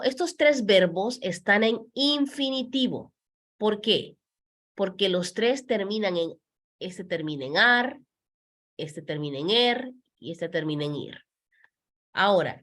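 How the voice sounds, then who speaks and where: A woman teaching Spanish speaks slowly in a lowish but lively voice. Patient throughout, she repeats words at a slow pace and alternates between Spanish and English in this explanatory language lesson.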